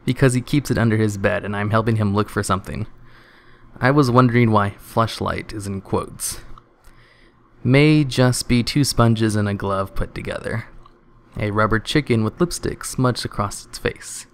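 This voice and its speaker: A man with a fairly low voice reads online comments aloud in a casual, dry way. He often sounds close to laughing. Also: moderate pace. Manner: dry reading, half-stifled laughs. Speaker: channel host reading online comments.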